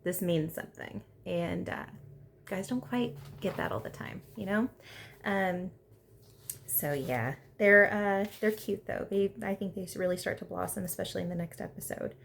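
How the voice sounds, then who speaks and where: A woman's voice: mid-range voice, normal speed, creaky, a little hiss or hum. A woman giving a casual, opinionated recap of a reality TV episode, chatty and full of "like" fillers. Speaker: reality TV reviewer.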